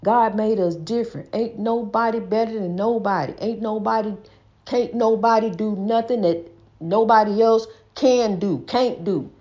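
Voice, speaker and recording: On a dull lo-fi recording, a woman hosts a casual, folksy inspirational preaching monologue, mentioning that she stutters. She repeats herself and keeps calling the listener honey. Her mid-range voice is mellow and moves at a moderate pace.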